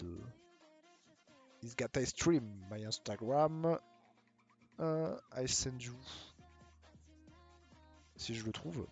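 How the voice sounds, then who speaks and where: A French man chats loosely through a live game stream at an ordinary middle pitch, joking with viewers as he plays. When he switches to English it comes out halting and thick with a French accent. Faint music runs quietly under his voice. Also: vocal fry. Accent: heavy French accent when speaking English. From France. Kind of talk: casual live-stream chat while playing a mobile game.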